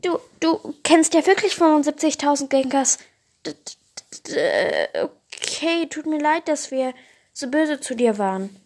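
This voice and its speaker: A woman's voice: sits high, animated, unhurried, a little mellow, voice pushed up. A woman voicing a group of small fire lizard creatures who talk in a raised, mocking and boastful way in a storybook tale. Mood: frightened.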